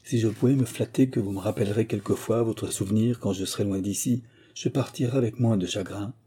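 A man's voice: on the low side, brisk, mellow, breathy edge. A man voicing an ardent, lovesick young man in an audiobook, pleading with passion.

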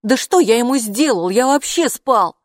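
A woman's voice: on the high side, animated, moderate pace, dry recording, studio quality, pitched above the performer's own voice, close to an everyday voice. A woman doing a scared little boy. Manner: worried, protesting. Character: frightened little boy, anxious and whiny. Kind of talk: audiobook character voice.

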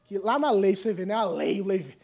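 A male pastor, preaching a fiery, colloquial sermon in a church that swings between shouts and hushed asides. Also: sits high, lively intonation, fairly quick, vocal fry.

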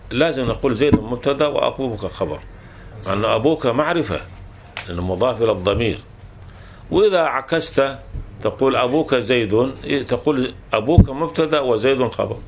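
A man's voice: mid-range voice, lively intonation, fairly quick, background noise. A man teaching a classical grammar text, explaining patiently and restating each rule several times with small self-corrections.

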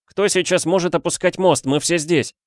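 Man playing an agitated young student, insistent, loud, higher voice. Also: normal speed, no echo, studio quality, lightly acted. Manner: insistent, excited.

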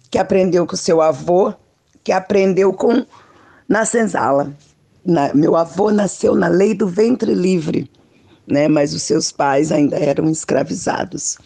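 Brazilian woman, hoarse and raspy, dark mellow tone, heavy creak, informal explaining. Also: on the low side. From Barra do Piraí, Rio de Janeiro state, Brazil. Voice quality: raspy, husky. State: hoarse from a throat problem. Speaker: guest, traditional jongo master.

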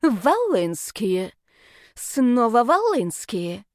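A woman's voice: fairly high pitch, very animated, no echo, studio quality, exaggerated voice. Woman voicing a menacing aging male rector. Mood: haughty, menacing. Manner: slow, haughty, domineering. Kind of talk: audiobook character voice.

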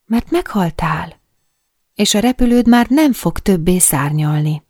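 A woman voicing a gentle, wise little boy who talks softly and patiently, in an audiobook. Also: fairly low pitch, expressive, dry recording, studio quality, voice pushed up. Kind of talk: audiobook character voice.

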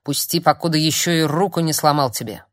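A woman doing a hoarse, seething sorcerer. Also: fairly quick, lightly acted. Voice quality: hoarse, low and quiet. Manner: terse, seething, muttered threats. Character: grim, wrathful male sorcerer, young adult.

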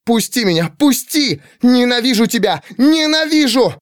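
A man voicing a proud young woman who shouts in anger and tears, his voice pushed high. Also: very animated, moderate pace, no room sound, clean studio sound. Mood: furious. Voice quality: shrill cries, raised high.

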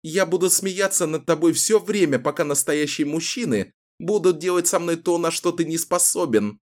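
A man's voice: fairly high pitch, moderate pace, voice pushed up, lightly acted. A man voicing a defiant, mocking young woman. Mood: taunting. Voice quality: raised, mocking, taunting. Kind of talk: audiobook character voice.

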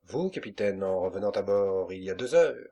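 A man's voice: low voice, animated, normal speed, vocal fry, warm tone, heavily acted. A man doing a dogged old-school ship's boatswain. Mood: insistent. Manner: dogged, insistent. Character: stubborn loyal male ship's boatswain. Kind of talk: audiobook character reading.

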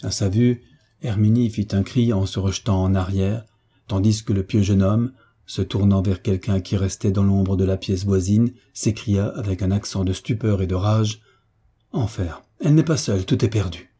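Male audiobook reader, low voice, dark and mellow, measured dramatic delivery. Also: little pitch movement, slightly rough. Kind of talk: scripted narration.

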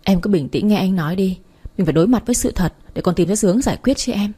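A woman reading a story aloud, voicing a gentle, teasing young man who comforts his girlfriend, in a soft husky voice. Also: mid-range voice, lively intonation, fast talker. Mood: tender.

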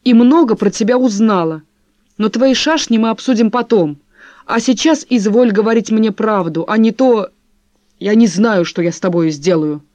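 A woman voicing a sharp-tongued wife who speaks forcefully and cuttingly. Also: on the high side, expressive, normal speed, no echo, close to an everyday voice. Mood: indignant. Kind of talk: audiobook character voice.

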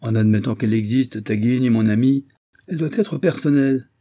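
A man reading aloud as an eager young embassy attaché, brisk and lively. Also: mid-range voice, husky.

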